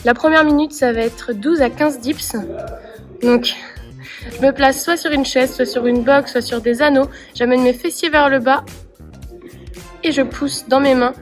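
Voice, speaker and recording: A woman clearly explaining workout exercises step by step as a coach. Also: high voice, steady tone, a little slow, pauses often, soft background music. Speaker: CrossFit coach. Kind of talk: workout instruction.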